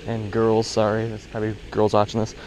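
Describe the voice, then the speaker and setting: Excited young guy fishing by a pond. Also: fairly low pitch, fairly quick, dull audio, a little hiss or hum. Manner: excited, slangy, talks to viewers as bro and dude. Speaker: fishing vlogger. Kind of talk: casual commentary while fishing. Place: outdoors by a suburban pond. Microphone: head-mounted action camera.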